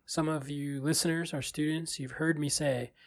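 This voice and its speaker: A man's voice: a little high, steady tone, normal speed. A man hosting a podcast, speaking earnestly and personally about his own struggles. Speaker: podcast host. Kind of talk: reflective podcast talk.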